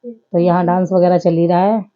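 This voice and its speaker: A woman's voice: lowish voice, fairly even intonation, normal speed, highs cut off. A woman in her thirties giving a chatty, homely running commentary over her family vlog. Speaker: family vlogger.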